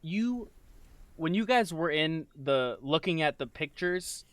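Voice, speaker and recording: A man with a fairly high voice runs a tabletop game as game master. He talks loosely and restarts his sentences, and the recording is dry and close. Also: lively intonation, slow, a bit bright, no room sound. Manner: casual, hesitant, restarts often. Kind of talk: running a tabletop game over voice chat.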